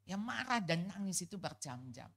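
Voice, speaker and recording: A middle-aged woman from gives a personal testimony at a church couples' fellowship, telling it in a lively, casual way with colloquial asides. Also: lowish voice, moderate pace, creaky, slight background noise. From Jakarta.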